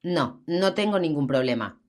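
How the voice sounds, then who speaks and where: A woman's voice: sits low, lively intonation, moderate pace, darkish tone. A woman reading the part of a hotheaded teenage boy who blusters and whimpers. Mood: scared. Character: hotheaded teenage Irish-American boy, frightened.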